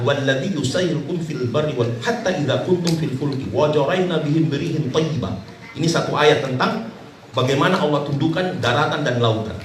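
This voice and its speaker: A man preaching a sermon, telling a story with lively acted voices and low asides. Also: slight background noise. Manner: animated, swings between high acted voices and low asides. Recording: echoey, distant hall recording.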